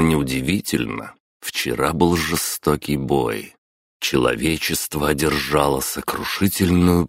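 Very deep, gravelly male audiobook narrator. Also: no room sound, clean studio sound. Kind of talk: scripted first-person fantasy narration.

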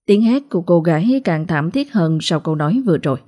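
A woman narrating a ghost story in a steady, dramatic way. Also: fairly low pitch, fairly quick.

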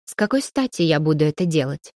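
A proud young noblewoman answering curtly, read by a woman in an audiobook. The voice sits low and dark, recorded close and dry. Her phrasing is clipped and sharp-tongued. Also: lively intonation, fast, no echo. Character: cool, imperious young noblewoman. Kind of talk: audiobook character reading.

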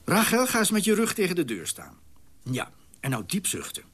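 A jumpy secretive recluse in a radio play, voice all over the place, kinda husky. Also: male voice, sits high, huge pitch swings, normal speed, fairly bright tone, full character voice. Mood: mocking. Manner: swings between mocking and frantic whispers. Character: secretive, agitated man hiding at home. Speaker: lead character. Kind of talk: radio drama acting.

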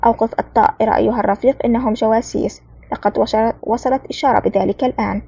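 Woman doing a shouting young soldier, urgent, rapid, gravelly. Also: a little high, fairly even intonation, highs cut off.

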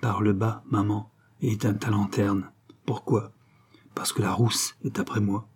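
A man reading aloud, voicing a cocky young bandit posing as a gentleman. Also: mid-range voice, lively intonation, moderate pace, breathy edge. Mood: hushed. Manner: smug, boastful. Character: young male dandy bandit, cocky and scheming.

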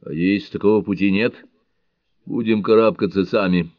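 Guy doing a crazed priest yelling at god, loud and high, drawn out words, dry dull sound. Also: sing-song, no room sound, full character voice. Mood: determined. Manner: shouting, thundering, drawn-out words. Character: frenzied half-naked male priest raging at God.

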